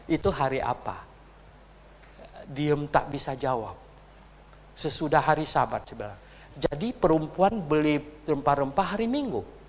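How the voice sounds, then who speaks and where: A middle-aged man preaching a sermon as pastor, chatting with asides and rhetorical questions, then rising to loud emphatic peaks. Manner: swings from low murmurs to loud preaching peaks. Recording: long hall reverb.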